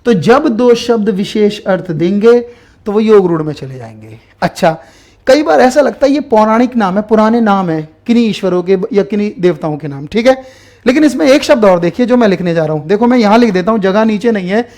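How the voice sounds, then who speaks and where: A man with a fairly high voice teaching an exam-prep grammar lesson as he writes on a board. He goes over the definitions patiently and repeats the key terms. He asks the class a question and then answers it himself. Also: lively intonation, brisk, a little mellow.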